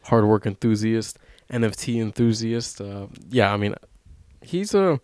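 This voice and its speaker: A man's voice: lowish voice, lively intonation, measured pace, darkish tone, smooth, dry recording, studio quality. A young man chatting casually on a podcast, rambling and swearing often, with frequent laughs. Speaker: podcast co-host. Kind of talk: casual chat.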